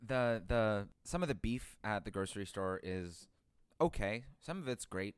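Deadpan man with a smooth, dry voice. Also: on the low side, normal speed, no echo. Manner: deadpan punning. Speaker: podcast co-host and editor. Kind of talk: casual pun banter. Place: dining room.

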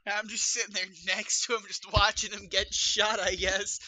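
A woman's voice: normal speed, dry recording. A woman playing in a tabletop game, chatting casually and giggling between remarks. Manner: animated, giggly, swings widely in pitch. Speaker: player.

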